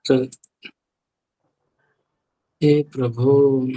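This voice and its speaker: A man's voice: mid-range voice, flat delivery, drawn-out words, dark tone, rough recording. A man teaching an online class, questioning and correcting students with dry teasing. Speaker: Sanskrit teacher.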